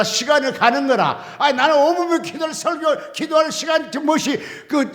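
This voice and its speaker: An older male pastor with a very high, lively voice preaches an animated storytelling sermon. He swings between shouted lines and low, quiet asides. A long church reverb rings behind every word. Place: church sanctuary.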